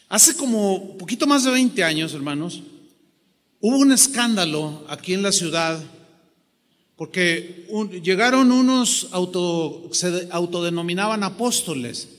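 A man with a Mexican Spanish accent preaching a sermon as pastor, animated, acting out the voices he quotes. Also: sits high, a little slow, in a large hall.

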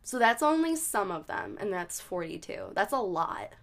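A woman's voice: medium pitch, wildly swooping pitch, moderate pace, creaky. A woman hosting a podcast, telling a case story in a chatty, casual way with lots of fillers. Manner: chatty, many likes and ums. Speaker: podcast host.

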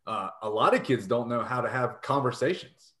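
A man co-hosting a podcast conversation about coaching, speaking in a relaxed, slightly hesitant way. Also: mid-range voice, normal speed, reverberant.

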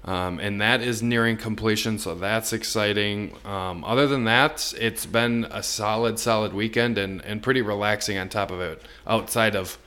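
An American man talks casually as a sports podcast co-host. His voice sits a little low in pitch, with an everyday conversational delivery. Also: fairly even intonation, moderate pace, few pauses, pushed and bright.

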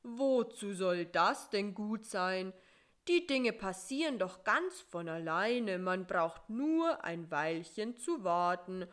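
Brief: woman playing a dozy, nervous male spider in a storybook, stubborn and know-it-all, a bit louder. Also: medium pitch, lively intonation. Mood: sleepy. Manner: drowsy, slow and know-it-all.

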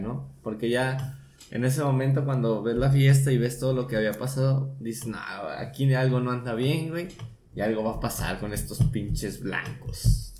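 Young mexican co-host, crude rambling storyteller, echoey room with light hiss. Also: male voice, mid-range voice, warm tone. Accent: Mexican Spanish. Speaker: podcast co-host. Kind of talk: casual movie review chat. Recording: echoey room, faint noise.

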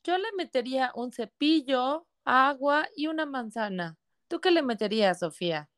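A mother gently encouraging her child's storytelling and joining in the sound effects. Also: high voice, animated, normal speed, dry recording, clean studio sound. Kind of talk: casual family storytelling.

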